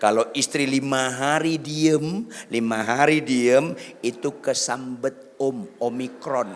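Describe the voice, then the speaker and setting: A man preaching a sermon as a pastor, joking with the congregation and breaking into sudden loud shouts. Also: medium pitch, slow, slight background noise. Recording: long hall reverb.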